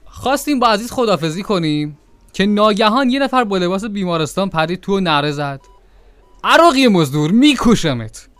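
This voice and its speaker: A man narrating a comic audio drama in a lively storytelling manner. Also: high-pitched, clear, resonant tone, no room sound.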